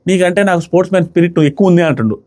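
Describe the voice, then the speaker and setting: Man, sarcastic show review, quick talker, high-pitched. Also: darkish tone. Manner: sarcastic, acts out what people said. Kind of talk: casual commentary review.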